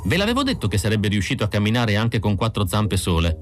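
A male audiobook narrator voicing an excitable android woman who speaks high and insistently. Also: fast talker, slight background noise.

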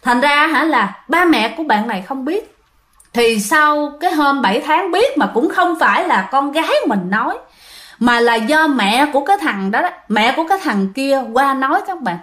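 A woman with a Southern Vietnamese accent tells a ghost story in a chatty, casual way, often speaking straight to her listeners. Her voice sits high. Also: expressive, normal speed, a bit bright. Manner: chatty, addresses listeners directly, many fillers.

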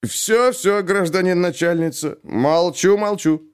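A man's voice: high voice, measured pace, clear, resonant tone, pitched above the performer's own voice. Man doing a rowdy restaurant heckler. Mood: heckling. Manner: loud, brash calls from across the room.

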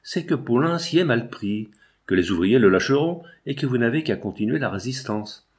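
A man's voice: medium pitch, expressive, moderate pace, lightly acted. A man reading as an earnest teenage girl. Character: serious fifteen-year-old girl.

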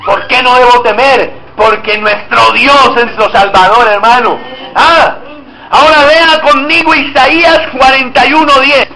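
A man's voice: extremely high pitch, measured pace, sharp tone. A man preaching a sermon, calling out emphatic exhortations and leading the congregation in reading aloud together. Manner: leads the congregation in call-and-response and group reading. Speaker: pastor. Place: church service before a congregation. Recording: echoey church room.

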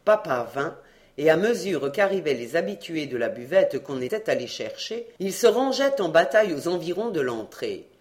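A reader narrating a children's adventure novel in a measured, lowered storytelling voice. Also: big pitch swings. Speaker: audiobook reader.

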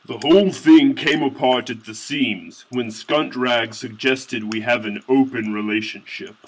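Slow-talking man narrating a satirical tale. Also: medium pitch, steady tone, low-quality recording. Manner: mock-earnest, indignant outbursts. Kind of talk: satirical fantasy story narration.

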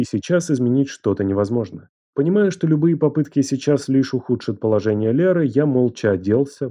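Man, audiobook narrator, first-person, warm dark voice, measured and even. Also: mid-range voice, lo-fi sound.

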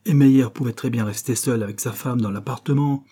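A man's voice: medium pitch, fairly quick, mellow, breathy edge, close to an everyday voice. A man reading an audiobook and voicing a blunt, indignant old friend who scolds hotly. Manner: scolding, heated and accusing.

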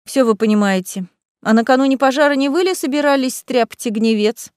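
A woman's voice: high voice, fairly quick, a little mellow, clean tone, no room sound, pitched above the performer's own voice, close to an everyday voice. Woman reading a sly chocolatier man, needling, storybook, dry close read. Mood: accusing.

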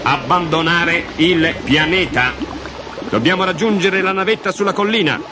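A man's voice: on the high side, takes it slowly, voice pushed up. A man voicing a brusque, commanding father who works as a mining engineer, in a storybook reading. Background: music.

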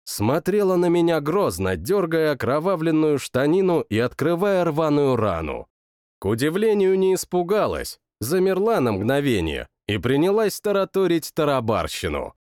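Expressive male audiobook narrator. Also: fairly high pitch, moderate pace, clean tone, no echo, studio quality. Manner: dramatic, expressive. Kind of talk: first-person fantasy audiobook narration.

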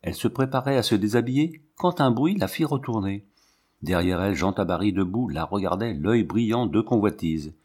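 A man narrates a novel in a low, measured voice with expressive phrasing. The reading is steady and scripted. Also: slightly rough. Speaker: audiobook reader.

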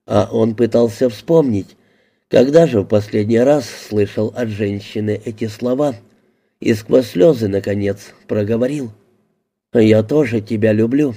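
Audiobook narrator, male, low and very dark, measured reading. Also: creaky. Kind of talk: scripted narration.

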